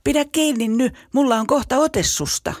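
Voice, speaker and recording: A storyteller voicing a bullying schoolboy who mocks, then shouts in panic. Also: high-pitched, lively intonation, dry recording, clean studio sound, pitched above the performer's own voice. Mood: panicked. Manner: taunting, raised voice.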